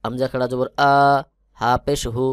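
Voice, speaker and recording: A man teaching Quran reading, spelling each syllable slowly and then chanting it in a drawn-out melody. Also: medium pitch, level tone, dry recording, clean studio sound. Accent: Bangladeshi Bengali. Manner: explains rules in quick, soft speech. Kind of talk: Quran recitation lesson, spelling letters aloud.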